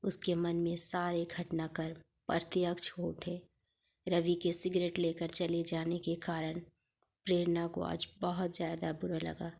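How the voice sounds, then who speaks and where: Soft-voiced woman narrating a sad story. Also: on the low side, completely flat delivery, a little slow, creaky, husky.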